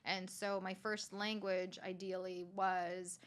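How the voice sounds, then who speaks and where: A woman in her forties who grew up in Canada speaking a Calabrese dialect first chats animatedly and laughs a lot as a guest chef on a casual podcast interview recorded in a hotel room. Her voice is fairly low and her pace slow.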